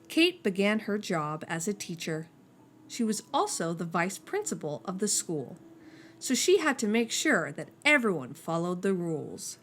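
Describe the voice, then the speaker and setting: A woman reading a children's picture book aloud as a storyteller, slowing down and dropping soft and low on each refrain. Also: very animated, a little hiss or hum.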